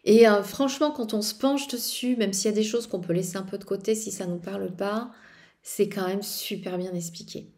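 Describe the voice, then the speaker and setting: A woman chats through her tarot decks in a loose, rambling vlog, often pausing with fillers and starting her sentences over. Her voice sits at an ordinary middle pitch and has a mellow, dark warmth. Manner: rambling, many hesitations and restarts. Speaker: tarot vlogger. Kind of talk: casual tarot show-and-tell.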